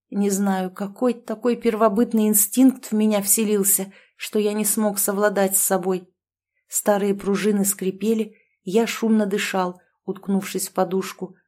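Woman audiobook narrator, mellow and even, measured storybook reading. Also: mid-range voice.

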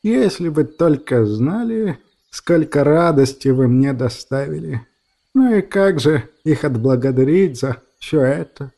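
Guy doing a teary old grandma voice, soft and fond, kinda higher, mellow. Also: lively intonation, unhurried, gravelly, heavily acted. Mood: tender. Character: old woman, emotional, gruff yet tender.

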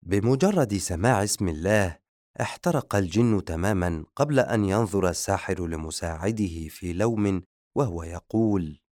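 Male audiobook narrator, very low voice, steady measured reading, dry booth sound. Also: no echo. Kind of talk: scripted narration.

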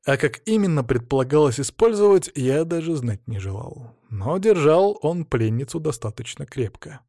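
A man reading a first-person story aloud with a wry, expressive delivery. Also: a little high, normal speed, dry recording, clean studio sound. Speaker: audiobook reader. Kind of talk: scripted first-person narration.

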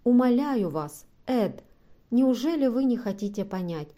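A woman's voice: fairly high pitch, animated, a little slow, mellow. A woman reading an audiobook and voicing a desperate young woman who pleads tearfully. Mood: pleading.

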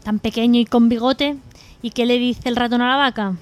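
A woman's voice: on the high side, brisk. A woman hosting a radio comedy show, telling jokes and acting out the characters' lines. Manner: lively joke-telling, voices the characters.

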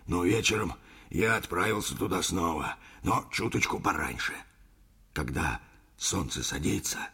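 A man's voice: medium pitch, gravelly, fairly bright tone, husky, exaggerated voice. A man voicing an older, sentimental sea captain who rambles through a yarn in an audiobook. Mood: excited. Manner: rambling folksy storytelling, addresses listener as brother. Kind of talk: audiobook character reading.

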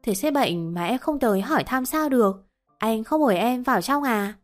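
A woman's voice: a little high, animated, normal speed, faint music behind, lightly acted. A woman voicing a sly young secretary who sweet-talks with a needling edge. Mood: sugary.

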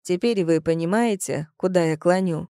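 A woman's voice: on the low side, moderate pace, mellow, no echo, studio quality, close to an everyday voice. A woman reading the part of a blunt, sardonic male police colonel in an audiobook. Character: gruff sarcastic male police colonel, middle-aged. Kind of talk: audiobook character voice.

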